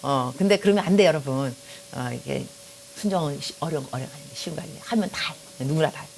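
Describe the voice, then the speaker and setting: Middle-aged female pastor from Korea, lower register, rapid delivery, chatty anecdotal sermon that speaks straight to the congregation. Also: vocal fry, slight background noise. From South Korea. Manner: lively storytelling, joking, addresses the audience directly.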